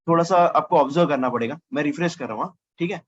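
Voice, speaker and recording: Husky man teaching coding, thinking aloud. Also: a little high, racing, highs cut off. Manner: thinks aloud, corrects himself mid-sentence. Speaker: programming teacher. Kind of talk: casual screen-recorded coding lesson.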